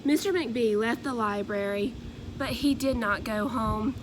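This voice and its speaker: A woman narrating a children's storybook aloud in an expressive, deliberate way. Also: a little high, background noise.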